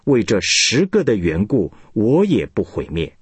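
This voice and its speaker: God speaks solemnly and with measured weight, as a man reading scripture voices him. The delivery is slow and husky, with a low voice. Its intonation is wide and expressive. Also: no echo, full character voice.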